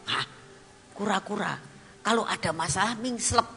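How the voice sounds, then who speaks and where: Animated woman preaching in an echoey hall. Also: mid-range voice, moderate pace, faint music behind. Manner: animated and laughing, dropping to whispered asides. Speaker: evangelist preacher. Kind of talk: storytelling sermon.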